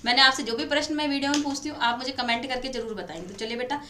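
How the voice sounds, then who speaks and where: Rapid-fire and bright, with a high, pushed voice, a woman who teaches Hindi runs through exam-prep quiz questions and options, then confirms each answer. She addresses her students affectionately as "beta," and the room echoes with faint noise behind her.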